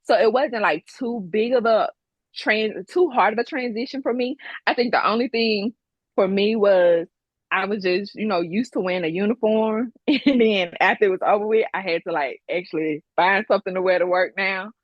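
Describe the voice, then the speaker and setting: Southern woman guest, Mississippi-Alabama twang, lively storyteller, dry slightly dull recording. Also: mid-range voice, moderate pace, dry recording. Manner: lively storyteller, acts out voices in anecdotes. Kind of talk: casual interview chat.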